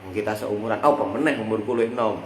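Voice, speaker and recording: Speaking fast in a lowish voice, this Javanese-accented teacher works through a classical Islamic text. He illustrates points with ordinary examples and invites the audience to complete his sentences. Faint background noise and room echo are audible.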